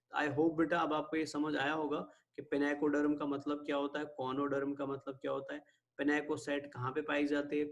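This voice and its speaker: A man with an Indian accent giving a biology lecture, who keeps asking his students questions, answers them himself and slows down on English definitions. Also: a little high, a little mellow. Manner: mixes Hindi with English terms, slows on definitions. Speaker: biology teacher. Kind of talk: classroom lecture.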